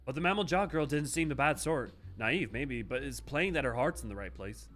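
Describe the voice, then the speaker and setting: A man's voice: medium pitch, expressive, moderate pace, a bit bright, lightly acted. A man voicing a timid, earnest underling of a game villain, pleading his case. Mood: defensive.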